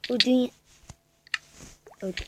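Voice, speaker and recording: A woman giving excitable live gameplay commentary as a YouTuber, swearing and shouting at the game, then dropping to whispers. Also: a little slow, very noisy. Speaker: gaming YouTuber.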